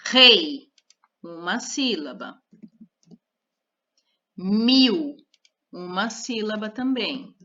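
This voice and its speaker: A woman teaching a third-grade lesson, repeating each word and counting its syllables with slow care. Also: mid-range voice, lively intonation, pushed and bright. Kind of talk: slow, careful classroom lesson. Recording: dull lo-fi recorded lesson.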